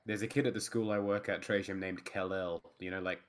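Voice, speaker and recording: A young man with an Australian accent tells wry anecdotes in a relaxed, slightly low voice. He chats casually over a voice call. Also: a little fast, slight background noise. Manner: wry storytelling with frequent laughs. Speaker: player. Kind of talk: casual chat.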